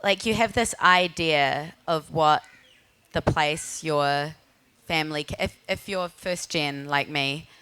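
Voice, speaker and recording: A woman's voice: deep voice, takes it slowly, sharp tone, clean tone. A woman from New Zealand with a broad Kiwi accent, talking informally and reflectively as a panel guest, tentative and searching for words.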